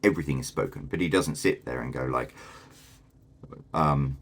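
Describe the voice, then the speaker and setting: A man's voice: very deep voice, moderate pace. A man hosting a casual video commentary, chatty and enthusiastic, with lots of fillers. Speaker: host.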